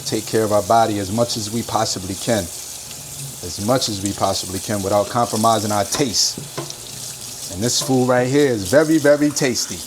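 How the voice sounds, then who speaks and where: A man casually talking through cooking his dinner in a home kitchen, laid-back and chatty with drawn-out emphatic phrases. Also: fairly low pitch, background noise. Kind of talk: casual cooking vlog chat. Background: frying and stirring sounds.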